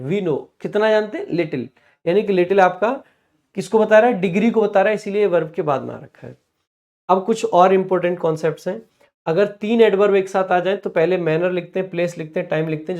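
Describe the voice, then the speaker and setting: Guy teaching a grammar revision class, a bit high voice, slow careful examples. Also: a little mellow. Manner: explanatory, frequent "ठीक है" check-ins, reads example lists slowly.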